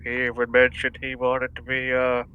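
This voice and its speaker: A man's voice: medium pitch, monotone, normal speed, clean tone, phone-quality sound. A man playing a tabletop game, speaking in a matter-of-fact way. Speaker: player.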